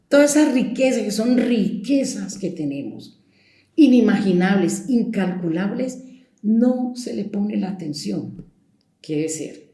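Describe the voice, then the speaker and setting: A Colombian woman with a warm voice on the low side gives a reflective spoken talk as a storyteller. She stresses her points and stretches key words, and the recording has an echoey room sound.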